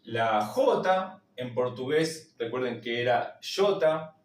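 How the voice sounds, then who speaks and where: A man with an Argentine accent teaching a language lesson, repeating each word slowly to drill its pronunciation. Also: medium pitch, animated, reverberant, far from the mic. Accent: Argentine Spanish. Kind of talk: slow spoken lesson.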